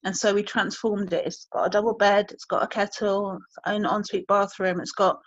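As a guest in conversation, a woman candidly and reflectively shares an emotional personal story, often searching for her words. Her voice is medium-pitched with a level tone and moderate pace, with no echo, captured in dry, slightly dull lo-fi audio.

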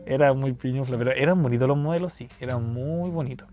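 A man's voice: mid-range voice, brisk, creaky, darkish tone. A young man in his twenties with a Chilean accent, telling funny personal stories on a podcast in a slangy, rambling, joking way. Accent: Chilean Spanish. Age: 20s. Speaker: podcast host. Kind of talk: casual storytelling podcast.

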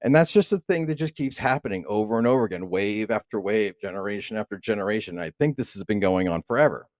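A man's voice: on the low side, animated, fast talker, darkish tone, no room sound. Man ranting casually, dry close sound. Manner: profane, rambling rant with frequent restarts. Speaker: podcast host. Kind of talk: casual solo monologue.

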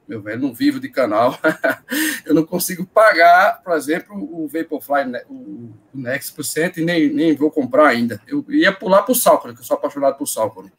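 High-voiced Brazilian Portuguese man hosting casually. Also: a bit bright, slightly rough. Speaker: host of a running live stream. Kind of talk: casual live-show hosting.

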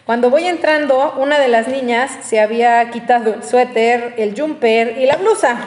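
A woman's voice: a little high, moderate pace. Laughing woman host reading stories. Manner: lively, laughs often, chatty asides. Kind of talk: reading listener stories aloud and chatting. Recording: roomy studio with long reverb and faint noise.

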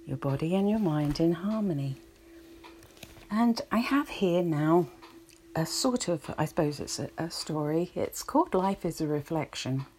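A woman guiding a relaxation session in a slow, soothing, reflective way. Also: low-pitched, lively intonation, a little mellow, a little hiss or hum. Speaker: relaxation guide. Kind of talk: guided relaxation talk.

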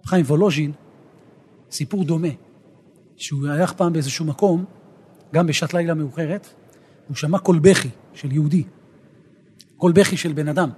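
A rabbi teaching a Torah lesson, an animated storyteller who rises to emphatic outbursts. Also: male voice, fairly high pitch, long pauses, breathy edge.

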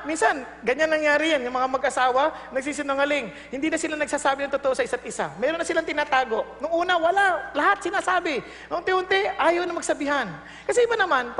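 A woman's voice: high voice, fairly bright tone. A woman with a Filipino accent preaching a sermon, joking, laughing and acting out little scenes. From Philippines. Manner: humorous, laughing, acts out quoted dialogue. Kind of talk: sermon in Tagalog and English. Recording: long reverb, faint ambient noise.

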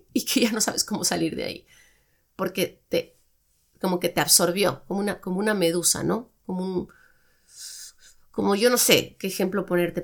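Woman, podcast host, casual advice talk, expressive delivery, acts out quotes. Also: on the low side, creaky.

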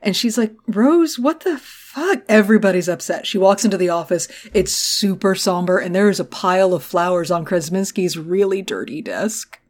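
A woman's voice: on the low side, fairly even intonation, fairly quick, hardly any pauses. A woman co-hosting a podcast, recapping an episode in casual chat, swearing freely and acting out characters' lines. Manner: swears freely, acts out quotes. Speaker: podcast co-host.

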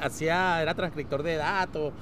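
A Venezuelan man, a guest comedian, chatting casually and telling jokes as an animated storyteller. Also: on the high side, normal speed, over a noisy crowd. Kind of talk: casual chat and joke telling.

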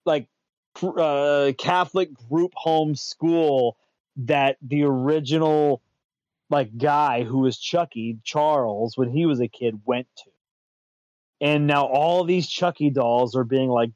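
Hosting a laid-back pop-culture conversation, a man whose voice is on the high side with a darkish tone rambles along, restarting and repeating his words between chuckles. There's no echo, and the sound is dull, lo-fi and dry.

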